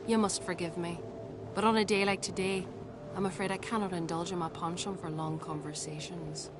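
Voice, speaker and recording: A woman's voice: fairly low pitch, steady tone, moderate pace, heavy background noise, natural voice. Woman playing a haughty, formal widowed queen. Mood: coolly polite. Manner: formal, imperious. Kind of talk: video game dialogue.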